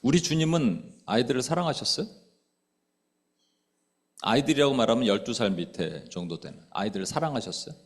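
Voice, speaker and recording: Man preaching with lively, animated pitch. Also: brisk, long pauses. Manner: conversational, asks the congregation questions; acts out quoted speech with sudden loud outbursts. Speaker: pastor. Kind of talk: sermon. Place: church sanctuary.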